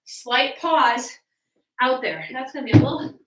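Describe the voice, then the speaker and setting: A woman's voice: high-pitched, measured pace, a crowd in the background. A woman fitness coach leading a workout, giving encouraging cues, instructions and countdowns. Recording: roomy echo, distant from mic.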